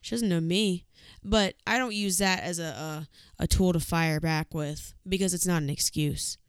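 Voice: mid-range voice, steady tone, normal speed, clean tone, dry recording, clean studio sound. A podcast co-host telling a story in casual chat, blunt and swearing freely.

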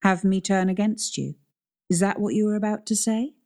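A woman reading a storybook, voicing a calm, steady female caretaker who turns a little strident. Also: medium pitch, normal speed, pitched above the performer's own voice, natural voice.

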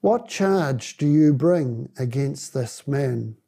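A man's voice: medium pitch, lively intonation, slow pace, gravelly, dark tone, breathy edge, exaggerated voice. A man voicing a stern, questioning male Roman governor in a scripture reading.

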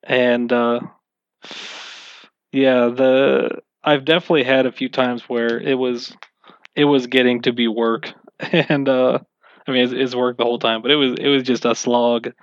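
A man's voice: medium pitch, little pitch movement, measured pace, clean tone, no room sound, highs cut off. A man being interviewed about running tabletop games, answering in a casual, rambling and self-mocking way. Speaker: game master being interviewed.

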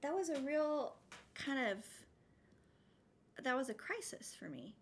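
Creaky-voiced woman with a West Texas twang. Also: sits high, very animated, measured pace. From West Texas, United States. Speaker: podcast guest, musician. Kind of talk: casual interview storytelling.

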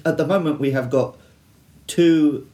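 A man's voice: on the high side, a little slow. A man with an Australian accent co-hosting a podcast in casual chat, joking and laughing often. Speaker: podcast co-host. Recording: echoey room with faint ambient noise.

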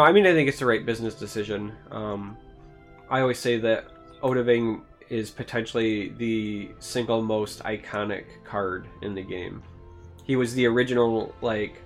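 A man's voice: on the low side, moderate pace, soft background music. A man co-hosting a casual podcast, explaining game mechanics at length in an analytical way. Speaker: podcast co-host.

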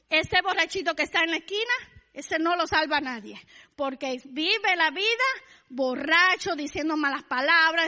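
A woman's voice: extremely high pitch, bright, forceful tone, long reverb tail. A woman from Cuba with a Cuban Spanish accent, preaching a fervent sermon and acting out her neighbors. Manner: fervent, repeats blessing refrain, acts out neighbors.

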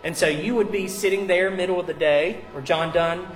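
A high-pitched man speaks at a normal pace, preaching as a pastor at a live church service with soft music behind him. His conversational sermon is informal and explanatory, sprinkled with casual asides, and the recording quality is low.

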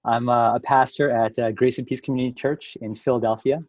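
A man's voice: mid-range voice, fairly even intonation, a little fast, a little mellow, no echo, muffled recording. A man, a pastor in his thirties, chatting as a guest on a podcast and laughing often. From New York. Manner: laughing, friendly, talkative. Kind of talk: casual chat.

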